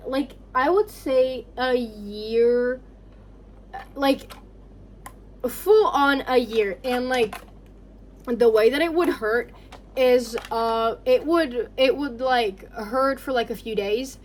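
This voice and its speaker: A woman's voice: fairly high pitch, slight background noise. A young woman chatting casually through a personal storytime, candid and sweary, rambling with lots of "like". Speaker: vlogger. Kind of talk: casual chatty storytime while getting ready.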